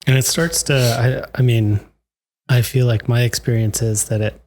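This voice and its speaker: A man hosting a podcast, speaking softly and casually and agreeing often in a relaxed conversation. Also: medium pitch, moderate pace. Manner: soft-spoken, frequent brief agreement. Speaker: podcast host.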